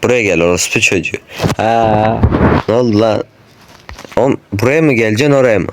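A man cursing nonstop as he plays a horror game, yelling in panic when chased. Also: lowish voice, fairly quick. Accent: Turkish. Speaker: gamer. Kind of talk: horror game let's play commentary. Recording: noisy home mic recording.

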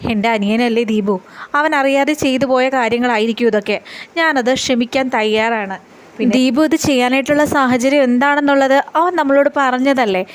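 A woman voicing a calm, forgiving older sister who comforts a younger woman, speaking slowly. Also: high-pitched, lightly acted. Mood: soothing.

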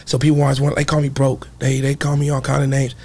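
A young man from Kansas talking candidly as a guest in a podcast studio, with halting restarts. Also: mid-range voice, completely flat delivery, creaky, a little mellow, breathy edge. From Kansas, USA. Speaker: guest artist. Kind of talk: casual interview talk. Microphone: studio mic on boom arm.

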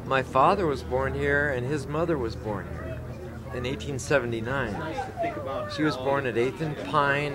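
Slow, halting man in his fifties. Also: medium pitch. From Colorado, US. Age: 50s. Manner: slow, halting, full of pauses and fillers. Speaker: interviewee. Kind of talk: casual reminiscing interview. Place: outdoor café patio at night. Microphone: handheld mic. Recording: outdoor patio with crowd behind.

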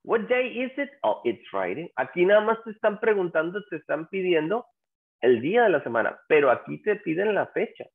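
A man's voice: high voice, very animated, normal speed, phone-quality sound. A man teaching a language class who patiently repeats example phrases and keeps asking his students questions. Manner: asks the class questions and prompts them to answer. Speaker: English teacher.

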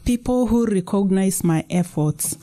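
Woman reading anxious young daughter, pleading, earnest, slow, mellow voice. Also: mid-range voice, close to an everyday voice.

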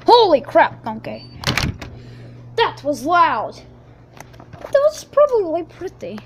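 In a very high-pitched full character voice with huge pitch swings, a woman speaks slowly over a noisy background. She's playfully acting as a jumpy, childlike male ogre who calls everyone donkey, in a homemade role-play vlog shot on a handheld video camera, first outdoors at night and then inside at home.

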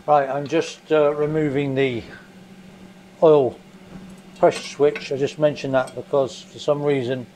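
Methodical English mechanic talking over fan hum. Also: male voice, on the high side, little pitch movement, measured pace, a little mellow. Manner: plain, methodical, thinking aloud with fillers. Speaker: motorcycle mechanic presenter. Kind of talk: hands-on workshop demonstration. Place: basement workshop. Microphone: camera mic above the bench, hands only in frame. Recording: faint extractor fan hum. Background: extractor fan noise.

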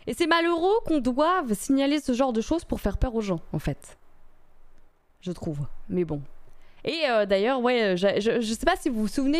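A woman's voice: medium pitch, clear, resonant tone. A woman streaming live, chatting casually with her viewers in a rambling way, full of fillers and restarts.

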